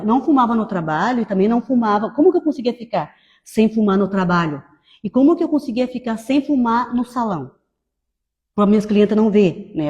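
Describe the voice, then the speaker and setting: A woman in her fifties giving a personal testimony in a conversational way, tagging many phrases with quick questions. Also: mid-range voice, warm tone, long reverb tail, highs cut off. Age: 50s. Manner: conversational, tag questions after most phrases. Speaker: testimony speaker.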